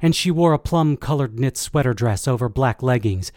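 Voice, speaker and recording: Man, audiobook narrator, mid-pitched steady voice, measured storytelling, dry close recording. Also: no room sound. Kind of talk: first-person audiobook narration.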